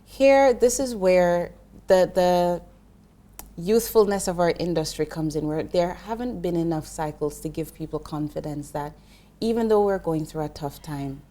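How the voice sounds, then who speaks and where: Her tone is dark, her pitch on the low side, and her pace a little slow. She is a middle-aged Jamaican investment professional being interviewed as a guest, earnestly explaining finance while often starting her sentences over.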